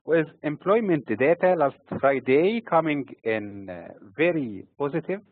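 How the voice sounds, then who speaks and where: A man from Egypt giving scripted financial market commentary in a steady, formal delivery. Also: fairly high pitch, no echo. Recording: tinny phone-like recording.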